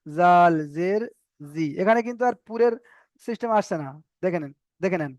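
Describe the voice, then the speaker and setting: A man teaching Arabic letter pronunciation in an online lesson, slowly repeating each letter with its vowel mark. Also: sits high, expressive, darkish tone, no echo. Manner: slow drilling of letter sounds, repeating each pair. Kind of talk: online Quran reading lesson.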